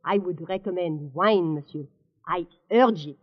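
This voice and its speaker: An actress playing a gracious, insistent French restaurant hostess from Normandy, in 1940s radio drama style. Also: female voice, fairly low pitch, a little slow. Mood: coaxing. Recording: dull old radio broadcast with music.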